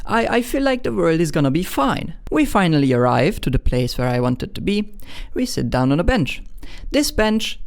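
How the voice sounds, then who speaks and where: A man's voice: on the high side, big pitch swings, moderate pace, vocal fry. A young man in his twenties from Hungary with a Hungarian accent, telling an embarrassing personal story in a candid, self-mocking way with frequent restarts. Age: 20s. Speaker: vlogger.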